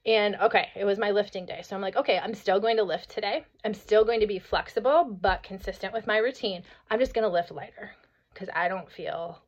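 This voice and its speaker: Hoarse with a cold but still energetic, a woman in her thirties or forties talks briskly in a mid-range voice on her solo motivational podcast. She keeps tossing in "right?" and "like" as she chats, and the recording is a bit dull and lo-fi.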